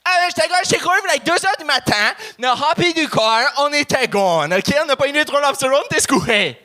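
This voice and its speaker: A man's voice: extremely high pitch, lively intonation, brisk, sharp tone, voice pushed up, heavily acted. A man playing his rowdy young Moncton buddy who talks in chiac slang. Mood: excited.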